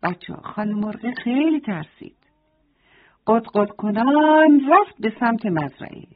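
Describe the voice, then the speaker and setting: A woman's voice: fairly high pitch, animated. Tender woman telling a bedtime story. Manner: tender, addressing children directly. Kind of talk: children's bedtime story narration. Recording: tinny phone-like sound.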